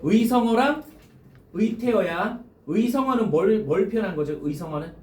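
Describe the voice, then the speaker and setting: A male high school teacher lecturing a classroom through exam questions, constantly quizzing students and repeating key phrases. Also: expressive, normal speed, a little mellow, a little hiss or hum. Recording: echoey classroom heard from a distance.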